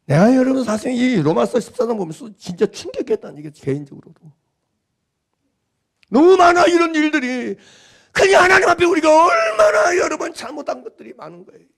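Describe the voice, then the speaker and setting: A male pastor in middle age preaches a Sunday sermon, his voice unusually high and gravelly. He swings his pitch widely as he drives each point home. He keeps asking the congregation whether they understand. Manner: emphatic, repetitive, questioning the congregation.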